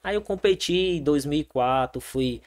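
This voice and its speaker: Young Brazilian soldier guest, lively storyteller who restarts often. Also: male voice, fairly high pitch, moderate pace. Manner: animated storytelling, many fillers and restarts. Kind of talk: casual interview.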